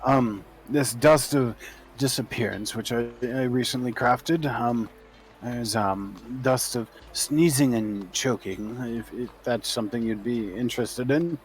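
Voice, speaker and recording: A man improvising as game master and shopkeeper in a tabletop role-playing game, speaking in a hesitant, halting way. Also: medium pitch, poor audio.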